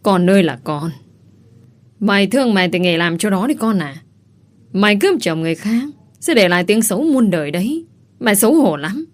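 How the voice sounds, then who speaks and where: A woman's voice: mid-range voice, expressive, a little fast, close to an everyday voice. A woman voicing an elderly mother who scolds and laments, in a reproachful, wailing way. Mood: scolding.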